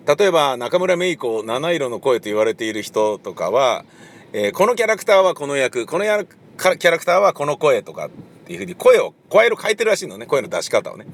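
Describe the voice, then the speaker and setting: A man's voice: on the high side, sing-song, a little fast. A man giving a casual solo monologue about writing his play, rambling with many fillers and now and then acting out the voices of the people he quotes. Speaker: playwright and director.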